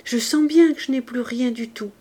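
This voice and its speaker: A woman voicing a frail, feverish young mother who longs to see her child, speaking higher and with eager fervor. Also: moderate pace, warm tone, natural voice. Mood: pleading. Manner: raised, eager, fervent delivery.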